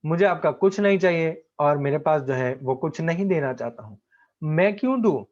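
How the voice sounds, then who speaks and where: A man's voice: a little high, animated, normal speed, a little mellow, dull audio, lightly acted. A man voicing a stubborn, condescending older male landowner from a play. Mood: patronising. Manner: condescending, calling the other "darling".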